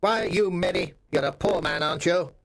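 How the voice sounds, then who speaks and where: Man playing cantankerous old miser, storybook character, raised pitch, hard voice, curt, scornful. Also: huge pitch swings, a little fast, exaggerated voice. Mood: irritated, contemptuous. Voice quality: hard, creaky voice. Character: mean, bad-tempered old male miser.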